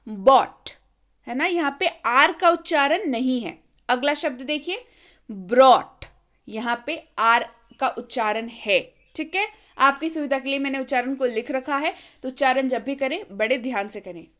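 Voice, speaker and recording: A woman's voice: sits high, a bit bright. A woman teaching a spoken English lesson, reading verb forms aloud one at a time, stressing each, and checking in with the viewer. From India.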